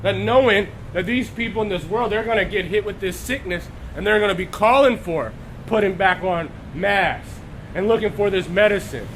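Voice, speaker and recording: Preaching live online at normal speed, a high-pitched Texan sounds hoarse after being ill, his tone a bit bright. He clears his throat again and again and stops to welcome viewers by name, all over a faint hiss on a rough recording.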